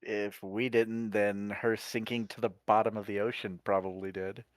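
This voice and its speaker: A man's voice: lowish voice, flat delivery, moderate pace, no room sound. A man playing a tabletop role-playing game, narrating his character's actions with hesitant fillers. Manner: hesitant, with many fillers and restarts. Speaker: tabletop role-play player.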